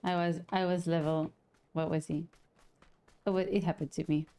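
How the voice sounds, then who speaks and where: A woman streaming a game from home, chatting casually with viewers through a headset in a relaxed, chatty way and laughing often. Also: lowish voice, moderate pace, clean tone. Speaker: gaming streamer. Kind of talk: casual chat to viewers while gaming.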